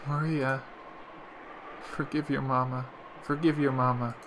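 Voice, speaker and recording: A man's voice: medium pitch, little pitch movement, measured pace, noisy background, lightly acted. A man voicing a guilt-ridden mother who pleads tearfully for forgiveness, reading from a visual novel. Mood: pleading. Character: anguished grown woman, a guilty mother.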